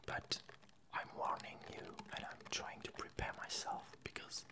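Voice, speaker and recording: With frequent pauses and a hesitant manner, a young woman from France chats in an ASMR whisper. She's an ASMR creator, and her French accent is clear.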